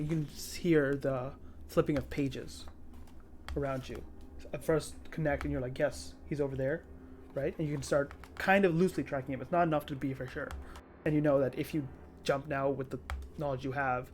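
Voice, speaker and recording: A game master improvising tabletop game narration in a halting, conversational way. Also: mid-range voice, steady tone, darkish tone. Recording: clearly audible background noise.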